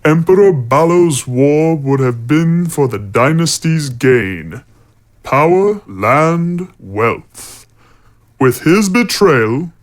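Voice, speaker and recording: A fairly high-pitched actor portrays a middle-aged warrior-monk villain in a fantasy audio drama, preaching in a calm, persuasive and condescending way.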